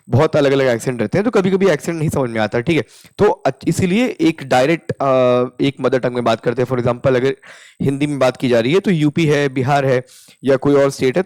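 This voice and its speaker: Teaching spoken English casually, a young Indian-accented man mixes in Hindi and goes over example sentences slowly and repeatedly. His voice leans high and a little mellow.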